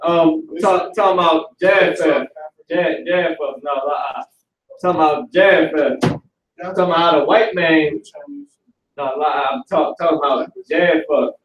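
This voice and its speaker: Heard from a distance in an echoey indoor classroom with a stage and banners, a young male teacher runs a live class. His voice is fairly high and fairly bright at a measured pace, and there's a little hiss or hum on the recording. He uses loose, profane street talk and keeps challenging the students with questions.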